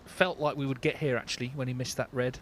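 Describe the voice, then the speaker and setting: Measured man commentating on live snooker. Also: mid-range voice, steady tone, slight background noise.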